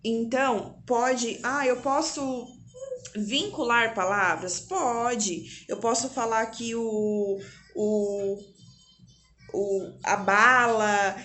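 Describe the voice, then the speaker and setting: A woman's voice: mid-range voice, a little hiss or hum. A woman from Brazil giving casual parenting tips to her phone camera at home, chatty, asking and answering her own questions. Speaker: parenting vlogger. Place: home, indoors.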